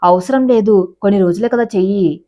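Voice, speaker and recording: A woman's voice: mid-range voice, normal speed, mellow, highs cut off, natural voice. A woman voicing a doting middle-aged father who sulks but coaxes his daughter affectionately. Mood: tender. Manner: affectionate, coaxing.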